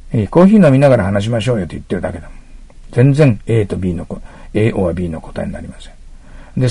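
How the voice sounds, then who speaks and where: A man teaching English listening test answers in a lecture, explaining each answer with frequent little check-ins to his listeners, and reading the English lines slowly with a Japanese accent. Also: fairly low pitch, gravelly, dark tone, husky, dry recording.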